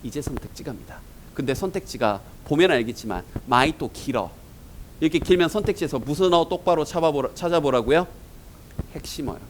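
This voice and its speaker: A man's voice: fairly high pitch, lively intonation, fairly quick, a little hiss or hum, low-quality recording. A man teaching an English exam-prep lecture in Korean, asking his students rhetorical questions as he goes.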